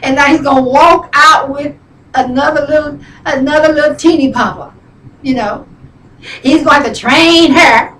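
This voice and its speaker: Chatty high-voiced middle-aged woman. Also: moderate pace, fairly bright tone, distant mic. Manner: chatty, tearful, keeps saying "you know", "honey" and "girl". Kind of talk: comic storytelling monologue.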